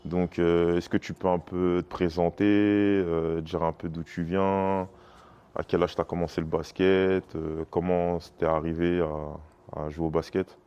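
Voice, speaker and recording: A man's voice: sits low, flat delivery, a little slow, mellow, clear, resonant tone, dull audio. A man interviewing a player casually, with long, rambling questions. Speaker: interviewer and scout.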